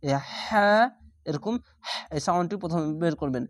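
Man for a recitation lesson, patient spelling of each syllable, then the drawn-out word, in a dry, close sound. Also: a little high, no echo. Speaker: Quran reading teacher.

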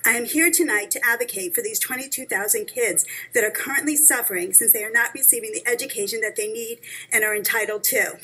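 A woman's voice: fairly high pitch, fast talker, bright, forceful tone, slightly rough, poor audio. A woman in her thirties, a parent reading a prepared statement at a school board meeting with earnest urgency into a table microphone. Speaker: parent speaking at public comment.

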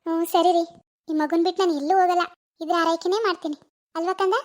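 Very high-pitched, fast-talking young mother in a cartoon, as a woman voices her. She is doting and fussy, and she chatters on about her new baby. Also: steady tone. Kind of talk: animated cartoon voice acting.

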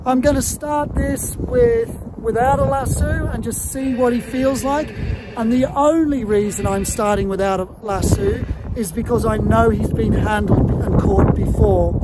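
A middle-aged man, a horse trainer, calmly explaining what he is doing as he works with a young horse. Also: very high voice, very noisy. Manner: calm, steady running commentary. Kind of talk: explaining while working. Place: outdoors at a farm and in a wooden stable.

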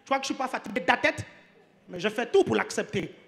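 A man's voice: very high voice, expressive, fast, gravelly, a bit bright. Preacher guy in church, jokey, keeps checking if everyone's following. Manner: joking, keeps asking the congregation if they follow. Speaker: pastor. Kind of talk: sermon.

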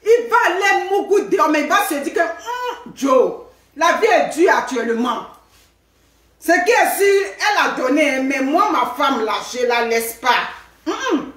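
A woman giving lively, emphatic advice to women, with many rhetorical questions and tag words like "hein". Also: sits high, a little slow, distant mic. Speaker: live video host giving advice to women. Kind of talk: casual animated advice talk to viewers. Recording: echoey room.

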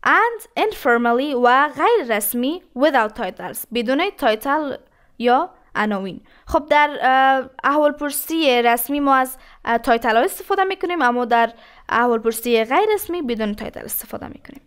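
High-pitched woman, teaching english, says each phrase slow then explains it. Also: lively intonation, a bit bright, clean tone. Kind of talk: language lesson.

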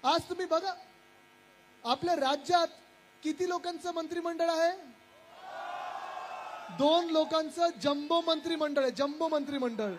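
A young man giving a loud rally speech as a politician, shouting over the crowd and talking straight to the people and the stage. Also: very high voice, steady tone, a little slow, pauses often, slight background noise. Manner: addresses the crowd and stage directly.

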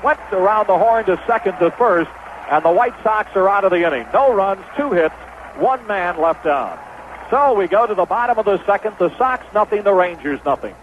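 An American man calls baseball play-by-play as a 1970s radio announcer. His high voice comes through narrow and tinny on a noisy, phone-band vintage radio broadcast.

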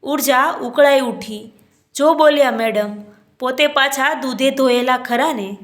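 A woman's voice: high-pitched, a bit bright. A woman reading a family drama aloud as a storyteller, narrating in her own voice and speaking every character's lines without putting on voices.

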